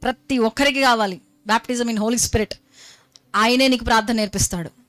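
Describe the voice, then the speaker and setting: A woman's voice: a little high, moderate pace, fairly bright tone, no echo. A woman preaching a Good Friday sermon, fervent and exhorting, firing rhetorical questions and mixing English phrases into her talk.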